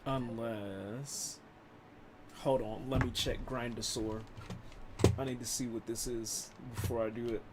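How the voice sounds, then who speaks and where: A man's voice: mid-range voice, fairly even intonation, measured pace, noisy background. A man streaming a video game, chatting casually and joking with some swearing. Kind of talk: casual gameplay commentary.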